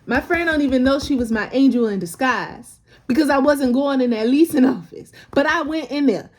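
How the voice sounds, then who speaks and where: In a high-pitched, slightly mellow voice at normal speed, a vlogger shares the story of her faith. She speaks casually, with deep emotion, near tears, and repeats phrases to stress them.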